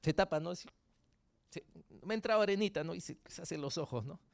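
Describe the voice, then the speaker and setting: Peruvian male pastor, lively and jokey delivery, slightly high, smooth tone. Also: fairly quick, dry recording, clean studio sound. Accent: Peruvian Spanish. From Peru. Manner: animated, jokey, frequent tag questions to the congregation. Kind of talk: sermon.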